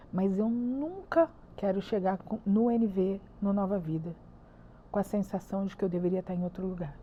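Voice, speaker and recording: A woman's voice: mid-range voice, highs cut off, a little hiss or hum. A woman with a Brazilian Portuguese accent, a church ministry leader giving an earnest, emphatic personal testimony as a podcast guest. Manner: earnest and emphatic, repeats words for stress.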